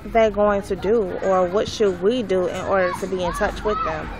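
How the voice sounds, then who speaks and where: A woman interviewing off camera in a park, asking short, halting questions. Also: mid-range voice, fairly even intonation. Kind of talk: street interview. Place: outdoor city park, behind the camera. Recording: outdoor mic with crowd noise.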